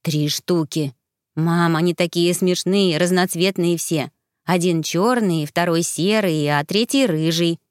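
A woman voicing a sick, earnest young boy who sounds hoarse and talks slowly in a storybook reading. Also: on the low side, dry recording, clean studio sound, natural voice. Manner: slow, reluctant, earnest.

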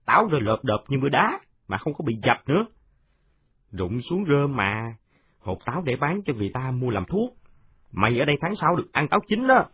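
A man's voice: mid-range voice, very animated, a little fast, breathy edge, no room sound, highs cut off, voice pushed up. A man voicing a boastful, chatty ten-year-old boy in a storybook reading.

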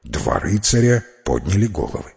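A man narrating a fairy tale as an audiobook, in slow, even storytelling. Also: sits low, gravelly.

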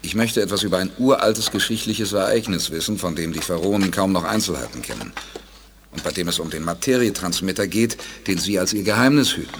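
In a German audio drama, a man plays a space commander who sounds calm and authoritative. His speech is composed and deliberate as he politely presses for answers. His voice sits low, with background noise behind it.

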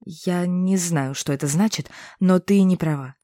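Woman reading as a young man, calm, patient, low mellow tone, dry close sound. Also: measured pace, dry recording, close to an everyday voice. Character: young male inquisitor, calm and gently teasing.

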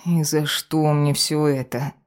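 A reader voicing a young, weary witch who sighs softly and asks questions in an audiobook. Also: deep voice, moderate pace, close to an everyday voice. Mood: weary, curious. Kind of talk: audiobook character voice.

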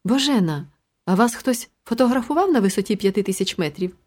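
A gloomy, thin, trembling man speaks in a storybook reading, anxious and blunt about grim things. A woman reads him out with barely any change from her own voice. Her pitch sits in an ordinary middle range. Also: lively intonation, brisk, a little mellow, husky. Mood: morbid, polite.

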